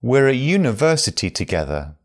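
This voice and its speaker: A man reading phrases for learners, each one slowly and then again at normal speed. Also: medium pitch, very animated. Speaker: phrase teacher.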